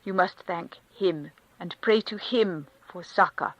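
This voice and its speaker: For an audiobook, a woman reads a devout, rapturous aristocratic countess who offers consolation in a fervent, preaching manner. Her voice is lowish and unhurried, and the recording is rough with no echo.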